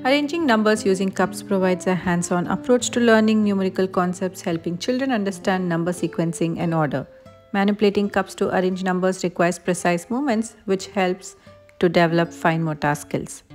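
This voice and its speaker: A woman reading a scripted voice-over that explains activities step by step. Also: lowish voice. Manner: even, explanatory reading of benefits. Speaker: narrator of a parenting activity video. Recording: voice-over with faint guitar music.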